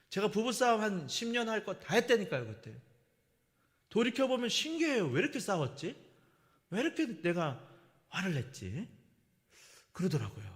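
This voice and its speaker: A middle-aged man preaching a sermon as a pastor, telling a personal story and acting out the lines he quotes. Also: sits high. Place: church sanctuary. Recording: long church-hall reverb.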